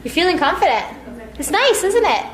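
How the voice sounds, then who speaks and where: A woman's voice: very high-pitched, sing-song, fairly quick, fairly bright tone. A woman teaching massage technique to a class, counting out strokes and cheering the students on. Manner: counts out strokes, encouraging and upbeat. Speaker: massage instructor. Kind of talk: hands-on teaching demonstration. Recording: echoey room, faint background.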